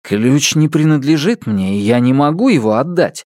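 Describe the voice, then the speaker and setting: A man's voice: mid-range voice, expressive, normal speed, a little mellow, dry recording, clean studio sound, pitched above the performer's own voice, lightly acted. A man reading aloud, voicing a defiant, earnest young man who is a detective in a storybook. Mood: guarded.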